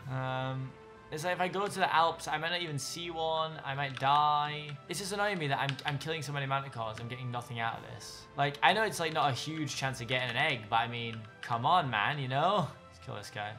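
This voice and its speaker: A young man giving excitable let's play commentary, gushing over and talking to the animals in his game. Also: mid-range voice, brisk, faint music behind. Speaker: gaming YouTuber.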